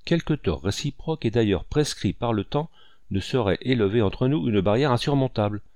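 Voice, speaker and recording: A man's voice: mid-range voice, animated, moderate pace, darkish tone, dry recording, clean studio sound, lightly acted. A man reading an audiobook and voicing an impulsive, effusive old colonel with emphatic exclamations.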